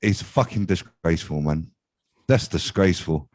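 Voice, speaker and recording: A man's voice: deep voice, expressive, moderate pace, darkish tone, no echo. Enthusiastic male co-host. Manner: enthusiastic, hypes the guest, swears freely. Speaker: podcast co-host and DJ. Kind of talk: casual chat.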